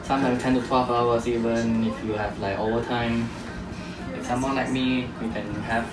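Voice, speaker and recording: Young guy from malaysia chatting on his workout stream, mic kinda far, echoey room, loud music going. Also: medium pitch, level tone, moderate pace. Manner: chatty, upbeat, talks between training sets. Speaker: fitness streamer. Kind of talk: live-stream workout chat. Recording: roomy, distant mic, loud music behind.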